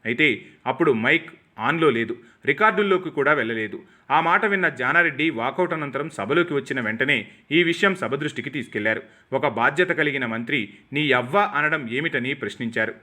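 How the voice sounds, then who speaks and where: A man reading scripted political news commentary in short, formal, measured sentences. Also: mid-range voice, lively intonation, sharp tone. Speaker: news narrator.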